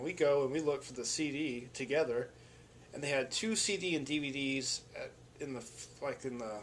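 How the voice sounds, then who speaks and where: This vlogger and musician seems to be talking straight to the camera, his medium-pitched voice carrying a casual, rambling, enthusiastic story full of restarts. A faint wash of ambience and slight noise sit behind him.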